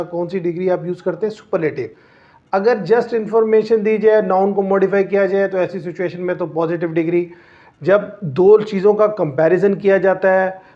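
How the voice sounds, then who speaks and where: High-voiced man teaching grammar. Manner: explains step by step, asks and answers his own questions; slows down and stretches out the English example sentences. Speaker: English teacher. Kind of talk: classroom-style grammar lesson. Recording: dull lo-fi recording.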